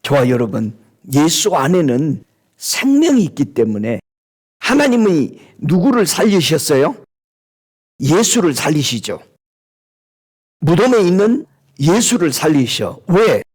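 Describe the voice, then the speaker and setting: A man's voice: on the high side, very animated, a little slow, darkish tone, breathy edge. A middle-aged male pastor preaching a sermon in a conversational way, asking the congregation question after question. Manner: preaches with rhetorical questions and a colloquial tone.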